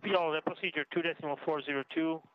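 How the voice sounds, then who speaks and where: A man's voice: on the high side, fairly even intonation, fast, a little hiss or hum. A man aboard the space station, reading back procedures over a radio downlink in clipped, procedural phrases that sometimes stumble. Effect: space-to-ground radio downlink. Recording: muffled radio channel.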